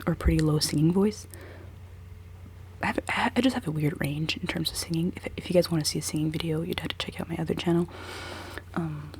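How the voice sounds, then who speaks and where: Vocal fry colors the whispers of a low-voiced ASMR creator in her twenties, with slight background noise behind her. She rambles and giggles as she does her makeup.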